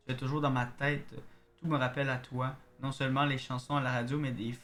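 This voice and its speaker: A man's voice: medium pitch, fairly bright tone, a little hiss or hum. A man with a Québécois French accent streaming a game, reading in-game letters aloud and chatting casually with viewers. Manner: casual, chats to viewers, reads letters in a slow narrating way.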